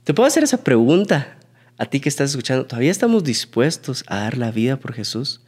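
A man, preaching a sermon in earnest storytelling that sinks to a hushed, low voice at emotional moments. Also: big pitch swings, quick pace. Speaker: pastor.

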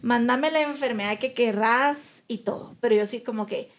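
A woman's voice: fairly high pitch, normal speed. Earnest woman telling a story. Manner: earnest, acts out quoted relatives. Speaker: podcast co-host. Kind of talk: casual chat, personal story.

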